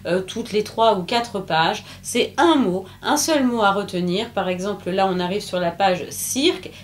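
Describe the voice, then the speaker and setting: A woman's voice: mid-range voice, moderate pace. A woman presenting a children's book in a casual, chatty way, with many hesitations and fillers, who laughs at her own jokes.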